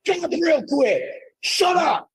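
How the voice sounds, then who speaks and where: A man berating a client on a call, profane and shouting, played back as a clip. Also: extremely high pitch, animated, measured pace. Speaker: fitness coach on a call. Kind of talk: clip of a heated phone call.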